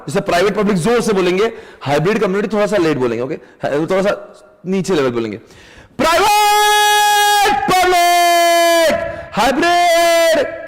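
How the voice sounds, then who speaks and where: A man giving an energetic exam-prep lecture, coaxing students to chant key terms with him, mixing English into his talk. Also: sits high, long reverb tail, a little hiss or hum. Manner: animated, coaxes students to chant along and shouts keywords; mixes English into Hindi, jokes with listeners.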